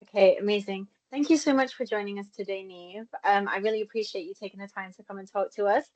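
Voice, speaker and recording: A woman's voice: medium pitch, fast talker, a little mellow, dull audio. A young woman hosting a conversational interview, asking questions and responding to the answers.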